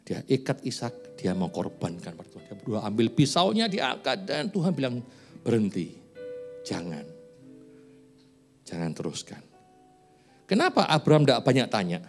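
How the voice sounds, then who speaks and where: This forties-aged pastor talks in a sing-song, medium-pitched voice, a little fast and with hardly any pauses, while faint music plays behind him. Preaching in a church sanctuary, he chats and jokes, then fires emphatic, rising questions at the congregation.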